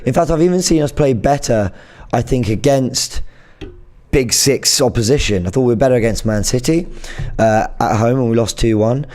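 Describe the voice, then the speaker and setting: A man who has lost his voice, speaking hoarsely as he casually presents a fan show to camera. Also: mid-range voice, normal speed, darkish tone. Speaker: fan channel host.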